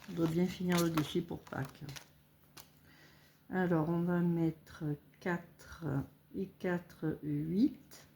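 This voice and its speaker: Slow gravelly-voiced middle-aged woman. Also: fairly low pitch, fairly even intonation, a little hiss or hum. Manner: counts money aloud, thinks out loud with hesitations. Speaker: budgeting vlogger. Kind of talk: casual talk while filling cash envelopes.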